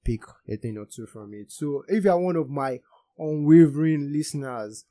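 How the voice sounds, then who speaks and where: A man's voice: a little high, lively intonation, normal speed, warm tone, no room sound, clean studio sound. A young man with a Nigerian Yoruba accent hosting a casual podcast. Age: young adult. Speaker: podcast host.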